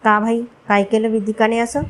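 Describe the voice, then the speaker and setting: A woman's voice: fairly high pitch, level tone, moderate pace, lightly acted. A woman voicing an affectionate young husband. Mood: coaxing.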